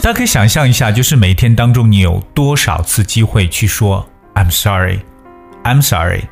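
Over quiet guitar music, a man teaches English phrases in a bilingual lesson, taking a patient, explanatory approach. His voice is fairly low and expressive, and he repeats every phrase slowly for learners to practice.

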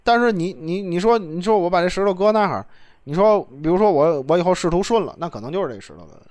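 Lively storytelling man, slightly high voice. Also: quick pace. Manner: animated, laughing, swings loud and soft, coarse slang. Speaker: storyteller host. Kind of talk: casual storytelling chat.

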